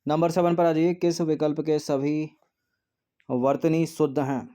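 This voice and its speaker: A man's voice: on the high side, steady tone, measured pace, dark tone. A man teaching an exam practice test, explaining each answer and repeating words as he checks the options.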